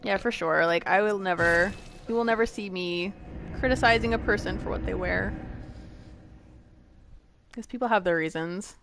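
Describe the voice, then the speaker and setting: A woman streams a video game and chats with her viewers as she plays. Her mid-pitched voice is informal and expressive. Faint game ambience and noise run behind it. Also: moderate pace, vocal fry, long pauses. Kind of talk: casual live gameplay commentary and chat.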